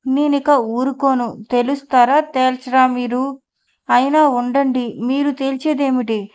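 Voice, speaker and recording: Woman voicing a furious, sharp-tongued wife. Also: high voice, fairly even intonation, unhurried. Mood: angry. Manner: scolding, confrontational.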